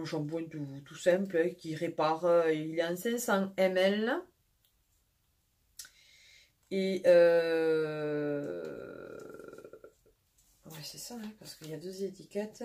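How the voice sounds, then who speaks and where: A woman with a southwestern French accent talks through a casual haul video. She rambles cheerfully, stops to search for words and picks her sentences back up. Her voice sits at an ordinary middle pitch. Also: a little mellow. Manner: chatty and rambling, with frequent pauses and restarts. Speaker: vlogger and mother.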